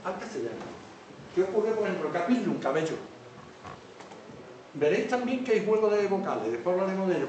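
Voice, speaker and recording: A man's voice: high-pitched, darkish tone. A man with a somewhat raised voice lectures to an audience, stopping often to check that they follow. He is heard from a distance in a very echoey hall. Faint noise sits under the recording. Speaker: teacher. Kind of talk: public lecture on word origins.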